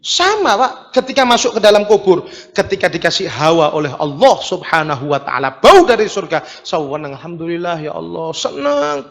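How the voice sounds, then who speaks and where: A man with a Javanese accent preaching a sermon in an animated storytelling manner, acting out other voices. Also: a little high, normal speed, in a large hall. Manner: animated storytelling, mimics voices, mixes in local words.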